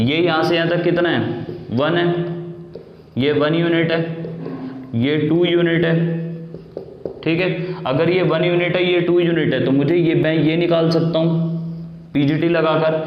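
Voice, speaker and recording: A young man teaching math at a board, explaining step by step and asking and answering his own questions. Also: on the high side. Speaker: math tutor. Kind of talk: classroom lecture at a board. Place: room with a board. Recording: echoey room, dull lo-fi sound.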